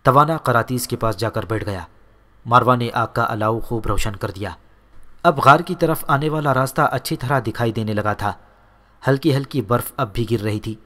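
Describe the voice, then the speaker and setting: A man reading a historical novel aloud as an audiobook narrator, measured and steady. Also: medium pitch. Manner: measured storytelling. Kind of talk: scripted narration.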